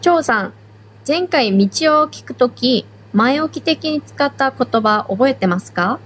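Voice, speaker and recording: A woman teaching a language on a podcast, explaining grammar slowly and step by step. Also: sits high, lively intonation, a bit bright, slight background noise, poor audio. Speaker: Korean language instructor. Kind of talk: slow, patient language lesson.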